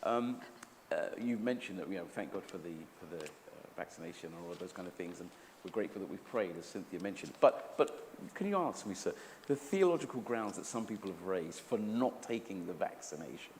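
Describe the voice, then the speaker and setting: Low-voiced male moderator. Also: animated, brisk, few pauses, darkish tone. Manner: questioning, hesitant with fillers. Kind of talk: panel discussion. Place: church hall. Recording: echoey hall, faint background noise.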